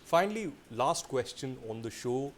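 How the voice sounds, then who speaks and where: A man's voice: medium pitch, animated, moderate pace, a little hiss or hum. A man hosting a formal news interview, putting long, pointed questions with an emphatic build-up. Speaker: news interviewer, show host.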